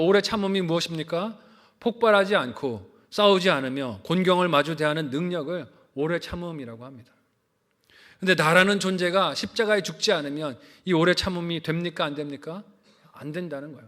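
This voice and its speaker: A man's voice: on the high side, a bit bright. A man preaching a sermon as a pastor, asking the congregation questions and answering them himself. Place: church sanctuary. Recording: reverberant church hall.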